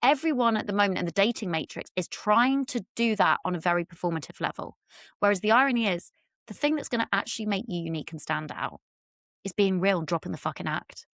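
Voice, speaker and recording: A woman's voice: mid-range voice, expressive, fast, a bit bright, dry recording, clean studio sound. A middle-aged woman from Britain, a relationship expert talking candidly as a podcast guest, swearing freely and acting out quotes in a raised voice. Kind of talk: candid conversational interview.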